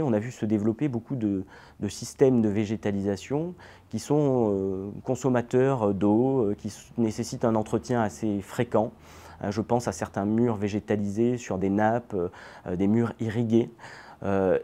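A middle-aged man explaining things, an ecologist presenting a lesson and often pausing on fillers. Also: on the low side, mellow. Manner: hesitant, many fillers. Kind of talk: educational explanation.

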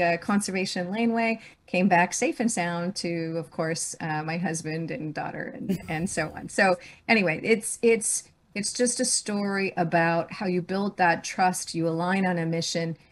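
A middle-aged woman, a business leader, telling a personal story as a guest on a podcast, animated and restarting her phrases. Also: on the low side. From grew up on a farm.

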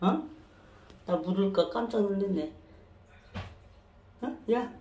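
A woman speaks slowly and softly to her cat at home, coaxing and teasing it with the same short questions over and over. Her voice rings in an echoey room with a faint hiss of noise behind it. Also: medium pitch. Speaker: pet owner. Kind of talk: casual talk to a pet cat.

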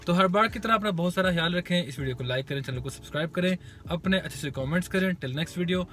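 A man's voice: high voice, fast talker, a bit bright, soft background music. A young man from Pakistan with a Pakistani Urdu accent, chatting to his phone camera from a car at night, mixing English phrases into his talk. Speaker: food vlogger. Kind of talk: casual vlog talk to camera. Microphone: phone camera at arm's length.

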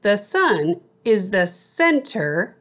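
Woman giving very slow, lively-pitched school dictation. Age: middle-aged. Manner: deliberate enunciation, word repeated after an example sentence. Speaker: teacher. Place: small room at home, indoors.

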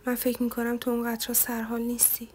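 A woman's voice: on the high side, monotone, a little mellow, faint music behind, natural voice. Woman reading as a worried young man.

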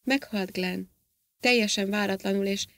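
A woman reading the part of an anxious, loving wife who speaks gently and coaxingly. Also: medium pitch, fairly even intonation, no room sound, close to an everyday voice. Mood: sad. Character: overjoyed, anxious young wife.

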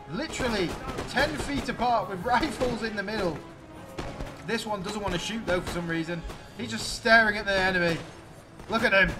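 Over music, a high-voiced man delivers exclamatory play-by-play of a strategy game battle, addressing his viewers directly.

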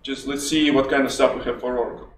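A man with a Russian accent giving a conference talk, halting with many restarts and fillers. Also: medium pitch, little pitch movement, a little hiss or hum. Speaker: conference speaker. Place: conference hall. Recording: echoey hall from far off.

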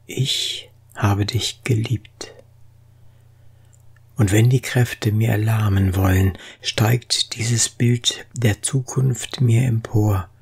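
This is a dramatic poetry recitation by a reader whose medium-pitched voice is very husky and breathy, with a creaky edge. The pace is slow, solemn and expressive, and every phrase is placed deliberately.

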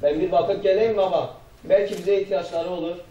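A man's voice: high-pitched, fairly even intonation, a little fast, dark tone, dull audio, lightly acted. A man playing a dutiful grown son of a village family in a stage drama. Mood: respectful. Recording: echoey, distant, faint background noise.

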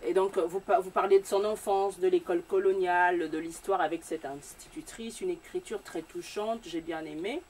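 A woman columnist questioning a guest author on a discussion show, in a lively manner, quick to laugh. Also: on the low side. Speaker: columnist host. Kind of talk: talk-show interview. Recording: distant mic with faint room noise.

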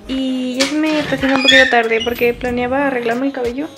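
High-voiced Mexican woman in her twenties. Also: level tone, quick pace, roomy sound, loud music behind the voice. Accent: Mexican Spanish. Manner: chatty, rambling, self-deprecating asides. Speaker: vlogger. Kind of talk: casual makeup vlog chat. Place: small bedroom, indoors.

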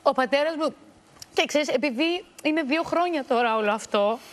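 High-voiced woman giving intense testimony. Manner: halting, restarts words, intense. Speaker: interview guest. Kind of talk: emotional personal testimony. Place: TV studio.

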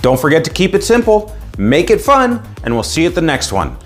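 A man's voice: fairly high pitch, huge pitch swings, brisk, soft background music. A man in his thirties with an American accent, explaining to camera in an emphatic, instructive way as a scoutmaster and video host. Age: 30s. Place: small room at home, indoors.

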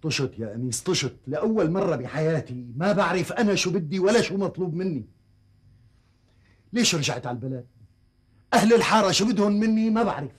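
A man's voice: high-pitched, animated, quick pace, husky. An actor playing a troubled, suspicious man back in his home town, with a Damascene accent, speaking in a brooding way. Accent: Damascene Arabic.

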